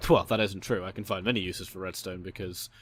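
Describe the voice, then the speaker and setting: A man's voice: steady tone, fairly quick, slight background noise. A young man rambling casually as he plays and comments on a game. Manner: rambling storyteller, voices quotes high and loud. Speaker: gaming channel host.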